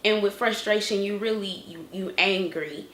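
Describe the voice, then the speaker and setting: A woman's voice: mid-range voice, normal speed, fairly bright tone, reverberant, a little hiss or hum. A young woman vlogging an earnest, emotional faith testimony, often restarting her sentences. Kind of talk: inspirational faith vlog.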